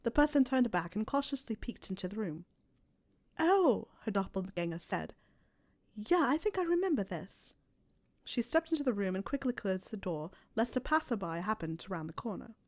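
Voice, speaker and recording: A woman narrating a story aloud in a measured, soft storytelling delivery. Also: mid-range voice, animated. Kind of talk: reading fan fiction aloud.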